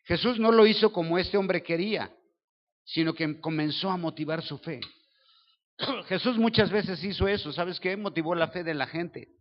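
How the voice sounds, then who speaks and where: A man's voice: high-pitched, moderate pace, long reverb tail, lo-fi sound. A Mexican man preaching a sermon as pastor, telling the story vividly, acting out voices and asking the listeners questions. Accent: Mexican Spanish. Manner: lively storytelling, acts out dialogue voices, asks the audience questions.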